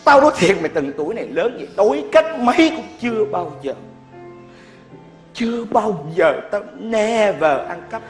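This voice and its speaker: A man's voice: high voice, very animated, moderate pace. A man playing a bossy, preachy young vendor. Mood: scolding. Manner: scolding, repeats words, lectures loudly. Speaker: skit actor. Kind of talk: Vietnamese comedy skit acting. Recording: echoey room with faint music.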